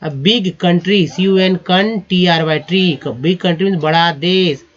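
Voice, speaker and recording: A man's voice: high-pitched, normal speed. A man teaching English vocabulary, spelling each word letter by letter and repeating the pronunciation. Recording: dull lo-fi recording.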